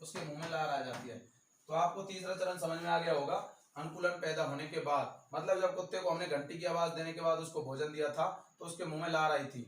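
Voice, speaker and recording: A male teacher with a Rajasthani accent gives an exam-prep lecture, repeating key terms slowly and stressing them. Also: on the high side, steady tone, a bit bright. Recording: echoey room, voice from far off.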